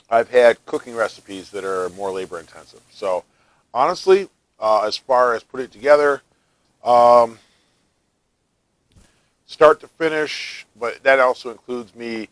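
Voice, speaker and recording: A relaxed, talkative American man hosting a home cooking vlog in his kitchen. His voice sits at an ordinary middle pitch, and he chats loosely with plenty of fillers. The sound is dry and close, with almost no room echo. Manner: chatty, relaxed, talks while tasting, frequent fillers. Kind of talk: casual cooking chat.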